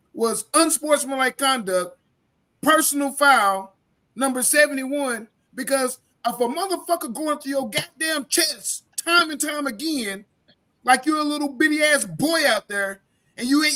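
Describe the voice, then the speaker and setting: A man's voice: extremely high pitch, bright, forceful tone. A man co-hosting a sports podcast, ranting with profanity and stammering restarts. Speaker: podcast co-host. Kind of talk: heated sports talk.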